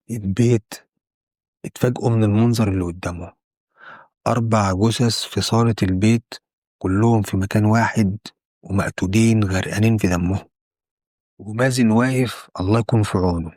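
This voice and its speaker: Egyptian male storyteller, conversational true crime, low voice, dry. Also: darkish tone, no room sound. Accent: Egyptian Arabic. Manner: conversational, repeats and restarts phrases.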